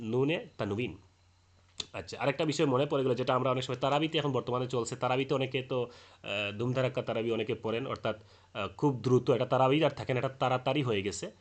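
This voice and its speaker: A man giving a Quran recitation lesson, explaining rules patiently, repeating his points and chanting verses slowly as examples. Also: medium pitch. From Bangladesh.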